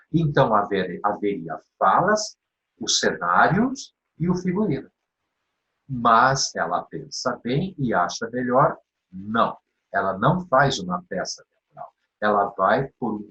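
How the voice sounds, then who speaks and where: Lively Brazilian teacher explaining poetry. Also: male voice, mid-range voice, highs cut off. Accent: Brazilian Portuguese. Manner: animated, asks and answers his own questions, checks in with "tá bem?"; counts poetic syllables aloud, half-singing the verses. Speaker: literature teacher. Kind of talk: exam-prep literature lesson.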